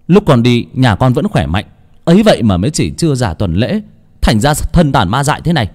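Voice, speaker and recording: Casting: man playing a distraught young husband, pleading then shouting, wide-swinging pitch. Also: sing-song, fairly quick, in a large hall. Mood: furious. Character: young husband, anguished and furious.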